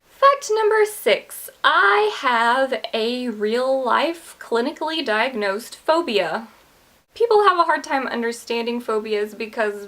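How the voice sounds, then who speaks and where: A woman's voice: mid-range voice, fairly bright tone. A woman in her twenties, a book vlogger talking casually to camera in a chatty, candid, self-deprecating way. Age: 20s.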